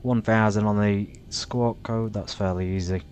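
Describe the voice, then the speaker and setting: A man narrating his flight simulator session casually and haltingly, muttering to himself between pilot radio calls. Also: steady tone, a little mellow. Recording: rumbly background noise.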